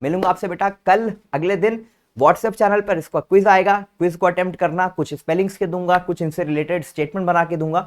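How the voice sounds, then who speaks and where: A man's voice: sits high, fairly even intonation, a little fast. A male teacher giving an online vocabulary lesson, patiently spelling each word out letter by letter and calling his students "beta" in a fond, coaxing way. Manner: calls listeners "beta" fondly.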